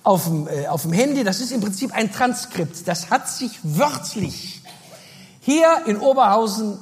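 A woman comedian telling a stand-up story in a lively, animated way. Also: medium pitch, unhurried. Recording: reverberant hall.

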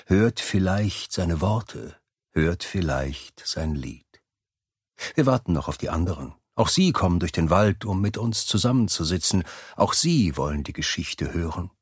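Guy doing a brooding mysterious fireside storyteller, really deep raspy voice, ominous dramatic pauses, dark tale stuff. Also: dry recording, clean studio sound, heavily acted. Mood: inviting, mysterious, then hushed, expectant. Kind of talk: scripted dramatic storytelling in German.

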